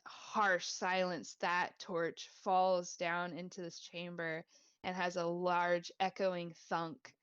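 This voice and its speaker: A woman's voice: lowish voice, flat delivery, slow pace, a bit bright, smooth, no echo, highs cut off. A woman game master improvising narration in an informal, playful, sweary way.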